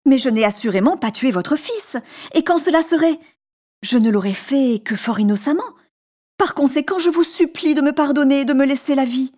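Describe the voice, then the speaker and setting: A woman's voice: lively intonation, moderate pace, darkish tone. A woman voicing a terrified male merchant who pleads in a trembling, raised voice in a storybook reading. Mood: pleading. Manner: trembling, pleading, high-pitched.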